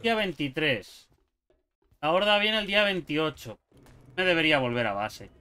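A young man giving jokey, excitable commentary while playing a survival game, yelping at sudden scares. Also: on the high side, moderate pace, clear, resonant tone. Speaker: gaming YouTuber. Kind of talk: gameplay commentary.

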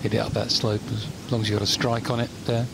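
A man's voice: on the low side, flat delivery, fast, creaky. A man giving conversational live golf commentary, often turning remarks into tag questions. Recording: noisy outdoor broadcast ambience.

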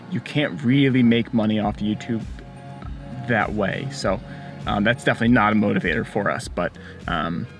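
A man in his twenties chatting in the passenger seat of a parked car, easygoing and jokey, with many fillers. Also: fairly low pitch. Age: 20s. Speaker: co-host. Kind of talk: casual Q&A chat. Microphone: camera on the dashboard.

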